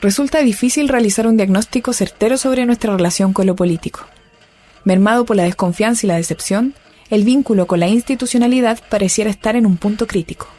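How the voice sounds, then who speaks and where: A woman's voice: medium pitch, fast, dark tone. A Chilean woman giving scripted documentary narration in an earnest, rallying way.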